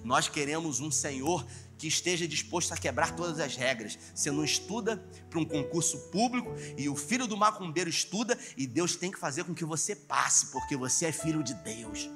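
Dynamic pastor preaching over music. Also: male voice, on the high side, lively intonation, brisk. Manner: dynamic preaching, swings between loud emphasis and hushed asides. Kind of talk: sermon.

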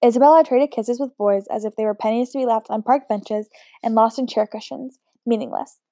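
A woman reading a novel aloud at a steady pace, unpolished, with occasional slips and restarts. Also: fairly high pitch, fairly quick, no echo. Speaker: audiobook reader.

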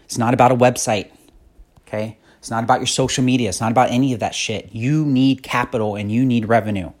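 A man's voice: medium pitch, fairly even intonation, quick pace. A man in his thirties hosting a podcast, giving a blunt, profane motivational monologue that grows more fired-up. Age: 30s. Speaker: podcast host.

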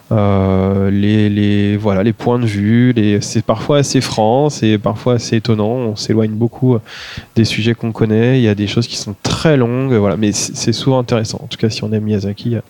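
A man's voice: on the low side, warm tone. A man, a guest author talking through film and book picks on a podcast, hesitant with many fillers. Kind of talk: podcast conversation.

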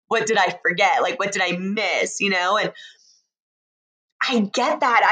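A woman talking casually and intimately to her listener in an unhurried, drawn-out way, reassuring and encouraging. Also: fairly high pitch, fairly bright tone. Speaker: host speaking to listeners. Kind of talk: intimate, casual motivational talk.

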